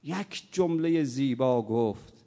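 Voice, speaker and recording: A man preaching a sermon, telling stories with acted-out dialogue and rising into loud, impassioned passages. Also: medium pitch, expressive. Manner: swings from quiet storytelling to loud impassioned preaching. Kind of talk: sermon with storytelling. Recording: long hall reverb.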